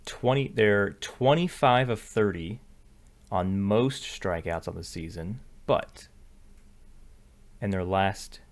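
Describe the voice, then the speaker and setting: Low-voiced man thinking aloud. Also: slow pace, pauses often. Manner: thinking aloud, self-correcting, filler-heavy. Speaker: sports betting picks host. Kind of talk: casual screen-share commentary.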